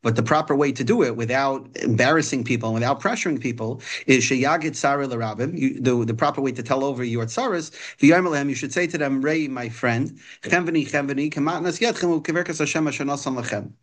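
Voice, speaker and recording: A male religious teacher speaks at a middling pitch. He alternates between reading from a text and explaining it informally. He often pauses, restarts and repeats himself as he works out a point. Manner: hesitant, repeats and restarts phrases while explaining.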